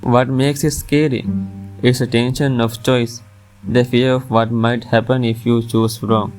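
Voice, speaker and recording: A man's voice: mid-range voice, flat delivery, a little slow, darkish tone. A man reading a scripted top ten countdown as its narrator, with music playing behind him. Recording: music under the voice.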